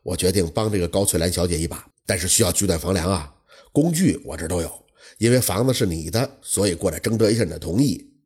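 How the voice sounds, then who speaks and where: A man's voice: deep voice, animated, fast, darkish tone, breathy edge, voice pushed down. A man voicing a blunt, righteous laborer. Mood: earnest. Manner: blunt, earnest.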